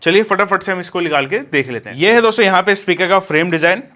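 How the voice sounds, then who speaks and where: Man, slightly high voice, chatty unboxing review, friendly with viewers. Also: quick pace, bright, forceful tone. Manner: casual, addresses viewers as friends, many fillers. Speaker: DJ equipment vlogger.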